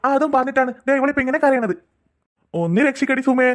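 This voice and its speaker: A woman's voice: sits high, lively intonation, fairly quick. A woman voicing a flustered father who apologizes and pleads with his daughters and wife in a cartoon. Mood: pleading. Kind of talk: cartoon voice acting.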